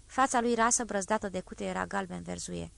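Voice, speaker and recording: A woman voicing a grave male exile who recounts an execution in a low, even, measured tone. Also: gravelly. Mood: somber. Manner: measured, somber retelling.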